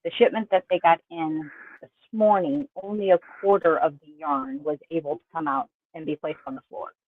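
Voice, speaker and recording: A woman's voice: low-pitched, normal speed, no room sound. A woman hosting an online bingo stream and chatting with viewers. Her voice comes through a glitchy, warbling call connection. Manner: chatty, bubbly greeter. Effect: glitchy, warbling call audio. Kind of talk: casual chat with viewers and a co-host. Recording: tinny glitching call line.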